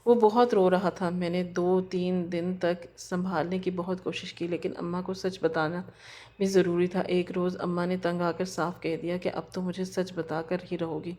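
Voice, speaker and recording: A woman tells an emotional story in the first person from a script. Her voice is low and mellow with a soft, dark color. She reads in a dramatic, heartfelt way. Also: level tone.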